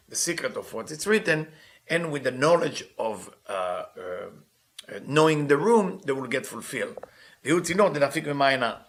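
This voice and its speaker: Guy teaching kabbalah, bright voice, asks himself questions and answers. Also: mid-range voice. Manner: reads Hebrew quickly then explains in English. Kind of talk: teaching a text.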